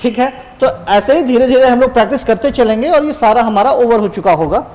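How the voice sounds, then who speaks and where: A man teaching an exam-prep grammar lesson, quizzing students with rhetorical questions and then answering them, saying example words slowly. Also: extremely high pitch, darkish tone, big-room sound.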